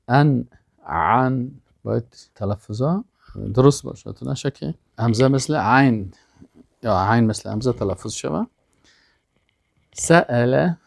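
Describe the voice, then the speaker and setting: Gravelly male teacher. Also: medium pitch, darkish tone, no room sound, clean studio sound. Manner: reads out words one by one, then explains in plain everyday speech. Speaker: Arabic teacher. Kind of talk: language lesson with pronunciation drills.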